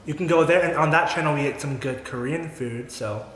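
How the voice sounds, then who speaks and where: A man's voice: on the high side, a little fast, a loud crowd. Echoey chatty young man vlogging. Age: 20s. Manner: chatty, upbeat, laughs often. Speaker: vlogger host. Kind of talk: casual mukbang chat. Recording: echoey room, faint noise.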